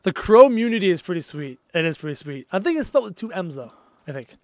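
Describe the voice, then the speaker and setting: Sitting at his desk at home, a chatty streamer talks fast in a high voice, reading out viewer messages and getting excited quickly during a live game. He's losing his voice and low on energy, and the recording has no room sound.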